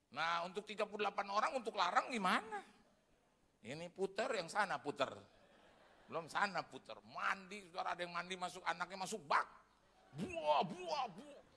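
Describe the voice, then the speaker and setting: A man's voice: high-pitched, brisk, vocal fry. A male pastor giving a humorous sermon, telling a story to the congregation and acting out the other people in it. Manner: lively storytelling that acts out other people's voices; humorous and chatty, addressing the congregation as "saudara". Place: church hall. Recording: long reverb of a large hall.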